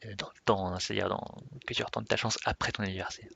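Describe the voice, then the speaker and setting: A man talks off the cuff, rambling and restarting his sentences as he goes. His low voice has a bright, gravelly edge. The sound is dry and close, with no room around it. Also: level tone, quick pace, no echo, dull audio. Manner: rambling, self-correcting, laughs at himself. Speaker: Minecraft server player introducing himself. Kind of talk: unscripted casual vlog talk.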